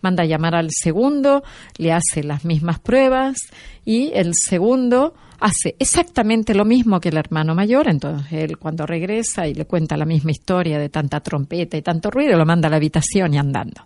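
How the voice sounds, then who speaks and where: A woman's voice: fairly low pitch, normal speed, no echo, studio quality. A woman guest expert telling a personal story and a fable in a conversational way, acting out the quoted voices. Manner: animated, acts out quoted dialogue.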